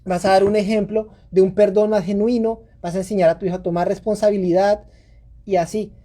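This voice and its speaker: Warm, mellow-voiced woman giving parenting advice. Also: medium pitch, steady tone, fairly quick. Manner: earnest, coaching, acts out scolding parent voices. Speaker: parenting podcast host. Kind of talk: casual advice talk.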